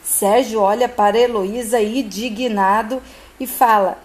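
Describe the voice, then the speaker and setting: A woman's voice: fairly high pitch, fairly even intonation, unhurried. A woman retelling a soap opera scene in a dramatic, emphatic way. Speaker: narrator.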